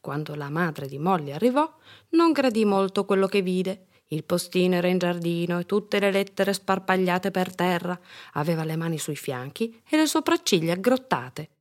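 A woman reading a children's story aloud in an expressive storytelling manner. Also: fairly low pitch, moderate pace.

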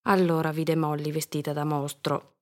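A woman reading a children's story aloud in an expressive storytelling manner. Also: sits low, moderate pace.

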